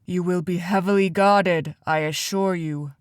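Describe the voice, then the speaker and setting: A woman voicing a stern, cold male council leader who talks in a sharp, commanding way, in an audiobook. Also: on the low side, moderate pace, no room sound, clean studio sound, close to an everyday voice. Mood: tired.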